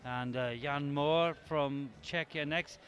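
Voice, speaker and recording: A man's voice: a little high, fairly even intonation, slow, fairly bright tone, soft background music. A man commentating live on a competition, chatty and explaining the results.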